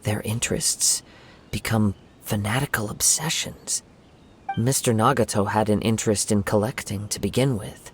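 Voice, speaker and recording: A man voicing a calm, composed young investigator who speaks in a measured, formal and reassuring way, in a video game. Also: lowish voice, slight background noise, natural voice. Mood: grave.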